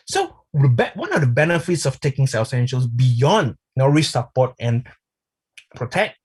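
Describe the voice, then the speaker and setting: A man's voice: medium pitch, husky. A man giving a live online product training, chatty and speaking to the viewers as friends.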